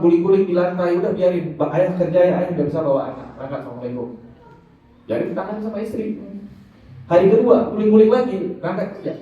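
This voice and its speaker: A male Islamic preacher giving a lively, joking religious study talk, calling out to his listeners as he speaks. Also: a little high. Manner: animated, joking, addresses audience as Pak and Bu. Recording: echoey hall, distant, dull sound.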